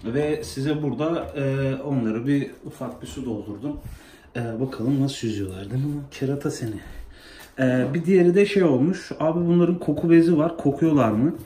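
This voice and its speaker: A man's voice: mid-range voice, brisk, dark tone, a little hiss or hum. A man talking casually to his phone camera in a bathroom, coaxing and scolding his pets while he bathes them. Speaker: pet vlogger. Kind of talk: casual pet video chat. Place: bathroom at home, by a tub. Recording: echoey bathroom with running water. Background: water splashing in a tub.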